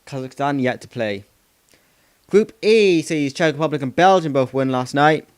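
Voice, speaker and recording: His voice sits on the high side, expressive and moderately paced, with a clean tone and a dry recording. He's a football channel host giving a casual, rambling results recap, repeating "of course" and regularly pausing to fix what he said.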